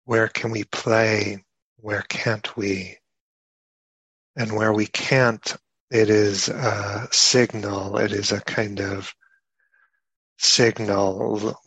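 A man gives a slow, halting Dharma talk in a low, even voice with a husky edge. He pauses often and reaches for his words as he reflects. The sound is dry and close, with little room around it. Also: dry recording, poor audio. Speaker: meditation teacher.

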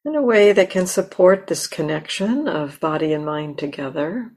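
A woman leads a guided meditation, her fairly low voice gentle and expressive. She speaks in short phrases separated by long pauses.

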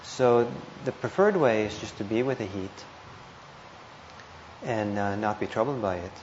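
Clear background noise and a somewhat muffled, roomy sound mark this live recording from an indoor meditation hall. There, a man with a fairly low voice leads a guided meditation as a teacher. He is gentle and a little hesitant, with pauses between short phrases, and the room echoes.

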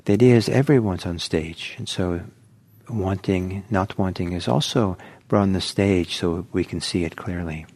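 A man with a lowish voice gives a guided meditation talk. He speaks slowly and gently, often pausing mid-thought as he leads listeners. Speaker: meditation teacher. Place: meditation center.

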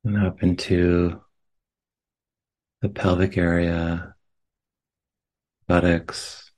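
At a meditation center, a deep-voiced male meditation teacher guides a meditation very slowly, with little pitch movement. He is gentle and unhurried, leaving long pauses between short phrases.

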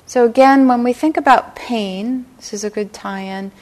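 A middle-aged woman teaching a meditation class, speaking gently and unhurriedly and often checking in with her listeners. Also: fairly high pitch. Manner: gentle, unhurried, lots of "right?" and "you know". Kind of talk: dharma talk to a class. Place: meditation hall.

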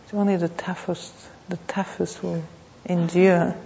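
Creaky-voiced woman in a hall. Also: on the low side, level tone, mellow, slight background noise. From Thailand. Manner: reflective, halting, with pauses and repeated phrases. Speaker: meditation teacher. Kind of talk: unscripted dharma talk. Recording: muffled, reverberant hall.

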